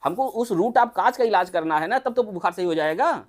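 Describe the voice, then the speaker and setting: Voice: mid-range voice, lively intonation, brisk. Chatty doctor. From Uttar Pradesh, India. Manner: chatty, asks the listeners many rhetorical questions. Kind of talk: informal health talk to a small group.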